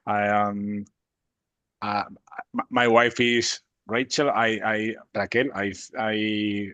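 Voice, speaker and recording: A Spanish man in his forties introducing himself in halting learner English, with many restarts and pauses. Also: on the low side, level tone, bright, forceful tone, no echo. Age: 40s. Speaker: student.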